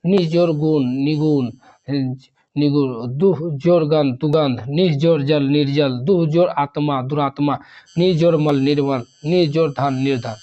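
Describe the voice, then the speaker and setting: Man, higher voice, grammar teacher, rattles off examples, repeats terms, dull lo-fi recording. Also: measured pace, warm tone. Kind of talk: exam revision lesson.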